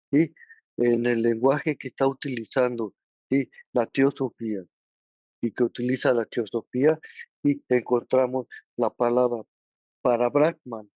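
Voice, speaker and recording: A man with a Mexican Spanish accent teaching a study group, halting and often pausing to check that listeners follow. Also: mid-range voice, a little mellow, no echo. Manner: checks understanding with frequent tag questions; halting, with many restarts and filler words. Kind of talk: explanatory lesson. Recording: dull, lo-fi recording.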